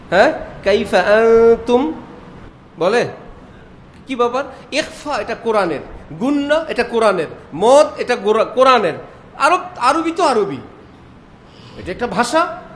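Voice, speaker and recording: A man preaching a sermon, full of rhetorical questions and lively imitations of Arabic pronunciation. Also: extremely high pitch. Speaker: Islamic preacher. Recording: faint background noise.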